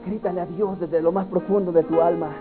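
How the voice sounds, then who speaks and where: Male preacher, very high voice, urgent altar-call sermon, hushed to shouting, tinny lo-fi sound with soft music behind. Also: fairly even intonation, a little fast. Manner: swings from hushed pleading to loud impassioned cries.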